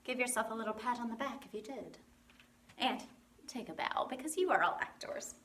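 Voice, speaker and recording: A woman teaching a children's lesson, playful and animated, acting out animal sounds. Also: fairly high pitch, brisk. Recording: roomy, from a distance.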